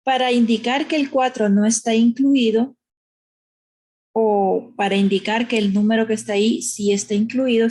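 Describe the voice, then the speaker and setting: Female math teacher, husky voice, patient, explanatory classroom delivery. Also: a little high, a little mellow. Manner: patient, explanatory, uses diminutives, asks "¿verdad?". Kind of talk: recorded math lesson.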